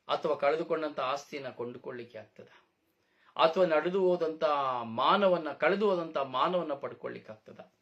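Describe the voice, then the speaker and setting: A man preaching a sermon, emphatic, with repeated phrases and rhetorical questions, dropping to a soft low voice when he asks them. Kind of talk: Kannada sermon.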